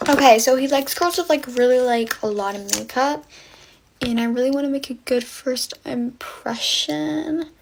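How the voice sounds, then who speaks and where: Brief: young woman, GRWM storytime, bright high voice, breathless "like"-laden gushing. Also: moderate pace, creaky, slight background noise, poor audio. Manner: gushing, filler-heavy valley-girl chatter. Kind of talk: get-ready-with-me storytime.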